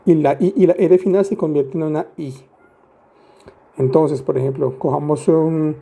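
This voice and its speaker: A man teaches French grammar in a slightly high voice that's gravelly, warm, and husky. Going step by step, he's patient and playful, peppering the lesson with rhetorical questions and lighthearted asides.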